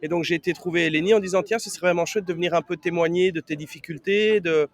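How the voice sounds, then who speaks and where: High-voiced man, rambling conversationally. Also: fast, no echo. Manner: rambling, often rephrasing. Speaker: podcast co-host. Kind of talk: casual conversational explanation.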